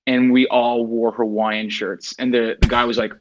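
A man's voice: medium pitch, little pitch movement, moderate pace, background noise. A man who plays in a touring band, chatting as a podcast guest in a laid-back, rambling way. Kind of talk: casual chat. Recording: dull lo-fi sound.

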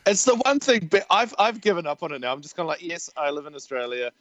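A man's voice: fairly high pitch, very animated, quick pace, fairly bright tone. A man with a New Zealand accent, co-hosting a podcast in casual chat, laughing often and swearing freely. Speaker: podcast co-host. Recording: dull lo-fi sound with faint noise.

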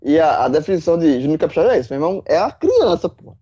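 A man, a football pundit in casual chat, animated, swearing and full of folksy analogies. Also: fairly high pitch, rapid-fire, breathy edge, muffled recording. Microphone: remote call.

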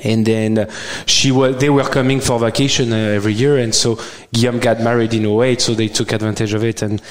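A man from France with a French accent and a smooth voice, telling his story casually in an interview. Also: medium pitch, level tone, a little fast. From Bordeaux, France. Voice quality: smooth, silky. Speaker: winemaker guest. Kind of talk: casual chat.

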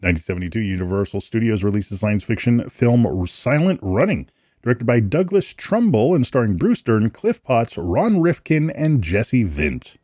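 A man's voice: fairly low pitch, sing-song, normal speed, warm tone, no room sound, studio quality. A man hosting a live podcast, reading out date trivia and slipping in corny jokes and puns. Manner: jokey, punny asides. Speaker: podcast host.

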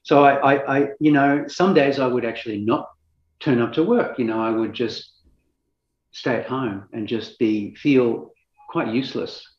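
A man's voice: mid-range voice, measured pace, roomy sound, muffled recording. A man in casual chat, reflecting on his own experience and often repeating words while he searches for them.

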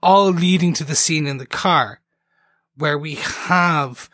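Man, podcast co-host, rambling, enthusiastic, slightly high voice, bright tone. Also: slow pace, no room sound. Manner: rambling, enthusiastic, self-interrupting. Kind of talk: casual TV recap chat.

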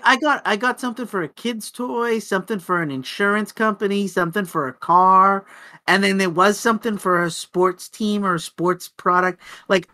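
A man with a bright, fairly high voice co-hosts a casual film podcast. He talks animatedly and often stammers through restarts before getting his point out. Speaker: podcast co-host.

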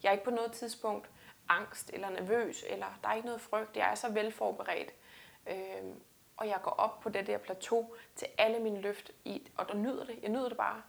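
A woman's voice: mid-range voice, steady tone, creaky. A woman weightlifter talking earnestly and reflectively in a casual interview, often restarting her sentences. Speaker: guest weightlifter.

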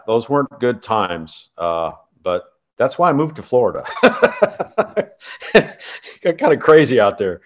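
A man in his sixties from California talks as a guest in a very low, deep voice. He rambles through anecdotes, full of fillers and restarts. The recording sounds dull and lo-fi. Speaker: guest, former tour golfer. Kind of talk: casual interview chat.

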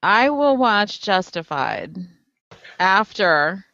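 A woman's voice: mid-range voice, big pitch swings, very slow, creaky, pushed and bright. A woman joining a casual chat as a panelist, playful and teasing. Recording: dry, dull lo-fi sound.

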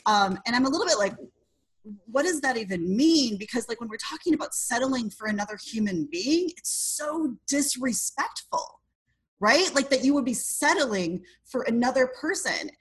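Frank, animated woman in her forties. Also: fairly high pitch, normal speed, rough recording. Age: 40s. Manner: frank, energetic, swears freely. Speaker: guest, dating coach. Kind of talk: casual interview chat.

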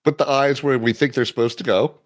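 A man playing a tabletop game, tossing out quick, dry, playful quips. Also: mid-range voice, steady tone. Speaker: player.

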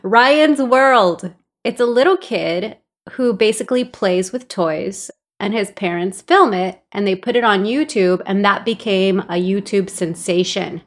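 A woman's voice: mid-range voice, a little slow. A woman from El Salvador co-hosting a podcast in casual chat, explaining things and laughing easily. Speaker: podcast co-host.

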